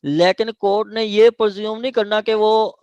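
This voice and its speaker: Lecturing on law in an online meeting indoors, a Pakistani-accented man explains statute articles in a high-pitched, darkish, clean voice at a steady tone and normal speed. There's no echo though the audio is dull; he rephrases and repeats points and frequently checks that he is followed.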